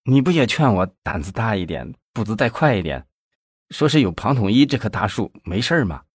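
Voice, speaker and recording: A man's voice: mid-range voice, sing-song, normal speed, gravelly, breathy edge, no echo, studio quality, voice pushed up, exaggerated voice. A man voicing a panicky, whining young male nephew in an audiobook, talking breathlessly and in a rush.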